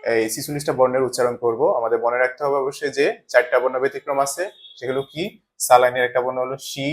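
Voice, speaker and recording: A man teaching a language lesson, explaining step by step and asking questions that he answers himself. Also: mid-range voice. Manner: asks questions and answers them himself, repeats patterns.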